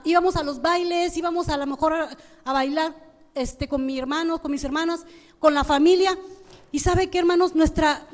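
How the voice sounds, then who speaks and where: A high-pitched woman with a Mexican Spanish accent delivers a sermon as pastor. She keeps calling out to the congregation and stumbles into restarts as she goes. Her voice rings with the long reverb of a church hall. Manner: repeats "hermanos" often, with frequent restarts.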